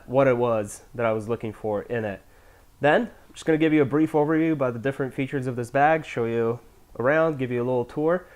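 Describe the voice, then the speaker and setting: A man getting over a cold, speaking with a nasal, stuffy voice as he reviews camera gear in a relaxed, loosely scripted way. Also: medium pitch. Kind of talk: casual product review.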